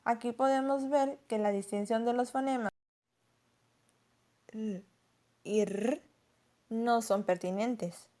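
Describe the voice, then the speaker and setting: Mellow-voiced woman teaching a lesson. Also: a little high, normal speed, hardly any pauses. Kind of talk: scripted lesson narration.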